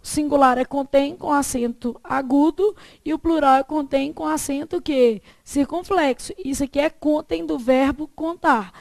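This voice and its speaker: A woman's voice: high voice, normal speed, gravelly, few pauses, a little mellow, dry recording. A Brazilian woman teaching a Portuguese class, putting questions to her students and answering them herself. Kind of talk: classroom lesson on exam questions.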